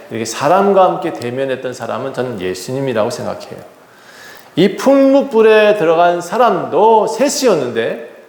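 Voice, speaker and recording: A male pastor preaching a sermon, retelling a scripture story with acted dialogue and lively emphasis. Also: medium pitch. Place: church sanctuary. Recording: echoey hall reverb.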